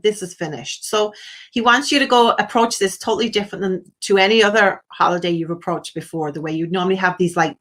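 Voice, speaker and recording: This woman speaks on the lower side with a fairly bright tone. She runs a live phone-in as a psychic medium, showering a caller with endearments and blessings while relaying messages through quoted asides.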